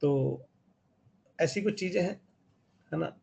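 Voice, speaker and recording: A man's voice: on the high side, takes it slowly, vocal fry, a little mellow, husky. A man with an Indian accent teaching geometry in an online class, explaining step by step and checking in with his students. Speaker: math teacher. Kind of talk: online live class lecture.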